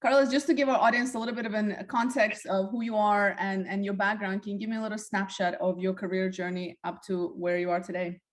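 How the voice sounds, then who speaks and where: A woman's voice: medium pitch, little pitch movement, fast talker, hardly any pauses. A woman hosting a podcast interview, talking in a friendly way with lots of fillers. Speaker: podcast host.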